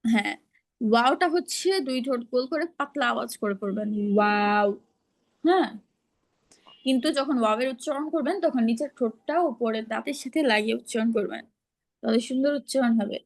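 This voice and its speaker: A woman's voice: on the high side, quick pace. A woman teaching pronunciation in an online class, patiently explaining and modeling each sound over a video call.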